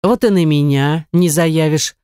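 A woman voicing a jealous, cruel young man who snarls and sneers, in a dark, dry audiobook reading. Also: a little high, unhurried, clear, resonant tone, dry recording, close to an everyday voice. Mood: menacing.

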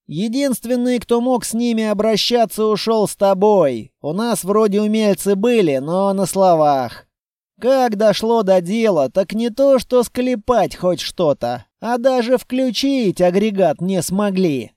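A man's voice: high voice, expressive, measured pace, warm tone, no echo, clean studio sound. A man voicing a curt, cold male squad leader in an audiobook, speaking in a clipped, brusque way. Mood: explaining.

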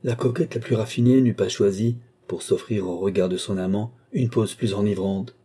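A man narrating a classic novel as an audiobook, in measured, expressive storytelling. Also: lowish voice, slightly rough. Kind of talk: scripted literary narration.

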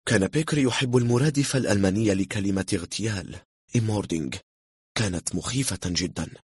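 A man reading a thriller novel aloud in a steady, measured narrating voice. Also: fairly low pitch, slightly rough, no room sound. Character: calm, cool-headed man bluffing.

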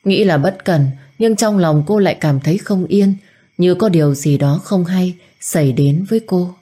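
A woman narrating a dramatic life story in a calm, measured way. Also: on the low side, slightly rough.

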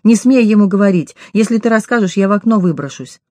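A desperate young woman begs tearfully and pleads not to be left, as a woman reading an audiobook voices her. The tone is dark and mellow. The recording is dry and close to the mic. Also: mid-range voice, animated, quick pace, no echo, lightly acted. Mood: pleading, desperate.

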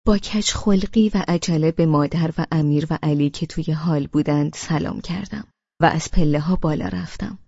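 A woman's voice: deep voice, gravelly, breathy edge, no room sound, muffled recording. Woman narrating an audiobook, dry sound. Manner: expressive storytelling. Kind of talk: first-person audiobook narration.

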